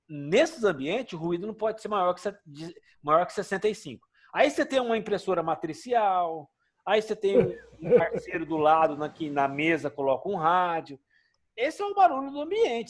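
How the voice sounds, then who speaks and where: A male teacher giving a conversational classroom lecture with a Brazilian Portuguese accent, often asking his students questions. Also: a little high.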